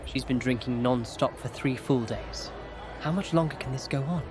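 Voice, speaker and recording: An actor playing an earnest, outspoken young student and protective friend in an audio drama. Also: male voice, medium pitch, normal speed, natural voice. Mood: concerned gossip.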